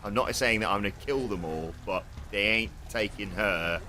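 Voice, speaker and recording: A man's voice: fairly low pitch, moderate pace, sharp tone, slight background noise. A man chatting casually and jokily as a tabletop game player, hesitant and self-deprecating. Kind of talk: casual, jokey game chat.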